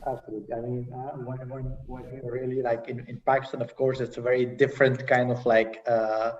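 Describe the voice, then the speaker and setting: A young man sharing his experience as a panel guest in a casual, halting way, with many fillers and restarts, over a video call. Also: mid-range voice, little pitch movement, darkish tone, a little hiss or hum. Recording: dull distant video-call audio.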